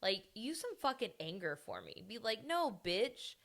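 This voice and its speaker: A woman's voice: mid-range voice, wildly swooping pitch, normal speed, vocal fry, fairly bright tone. A young adult woman hosting a podcast, venting bluntly in a candid personal monologue full of swearing. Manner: blunt, heavily profane venting. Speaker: podcast host.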